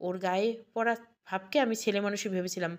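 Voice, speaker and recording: A woman's voice: mid-range voice, steady tone, fairly quick, lightly acted. Hurt young man, indignant and reproachful, read by a woman, audio storybook.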